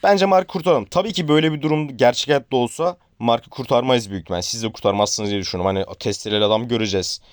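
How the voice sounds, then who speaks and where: A man's voice: mid-range voice, racing, hardly any pauses, no echo. A man playing a horror game on his channel, chatting with viewers and reacting to the scares. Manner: chatty, joking, addresses viewers as friends; shouts and pleads at a game character. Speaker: gaming YouTuber.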